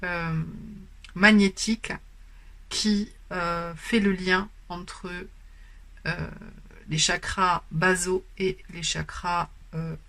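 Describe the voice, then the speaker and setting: A woman giving a spoken tarot card reading. She explains gently and pauses often, filling the gaps with hesitant fillers. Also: on the low side, flat delivery. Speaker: tarot and oracle card reader. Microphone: camera on a stand.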